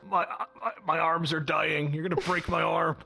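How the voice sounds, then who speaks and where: A man's voice: a little high, little pitch movement, moderate pace, vocal fry, sharp tone, slightly rough, rough recording. A man role-playing in an online game, chatting in character with a hesitant delivery and stammered restarts. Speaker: role-play game player. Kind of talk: in-character improvised chat in a game.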